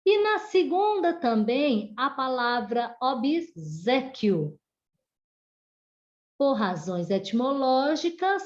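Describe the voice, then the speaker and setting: Slow, careful Brazilian teacher woman. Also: on the high side. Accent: Brazilian Portuguese. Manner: slow, deliberate word-by-word dictation. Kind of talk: online class lesson for children. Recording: dull lo-fi home video audio.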